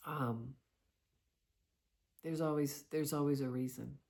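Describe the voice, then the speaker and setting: A middle-aged woman speaks very slowly in a personal, confessional monologue. She is reflective and halting, breaking her thoughts into short phrases with frequent pauses. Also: a bass voice, steady tone, a little mellow. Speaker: vlogger sharing personal experiences.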